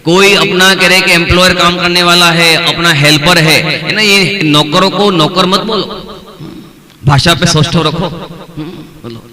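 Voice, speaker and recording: A man's voice: high voice, fairly even intonation, measured pace, bright, forceful tone. A man giving a religious discourse as a pandit, preaching in a conversational way that often repeats phrases and addresses listeners by name. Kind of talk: sermon. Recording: noisy crowd in the background.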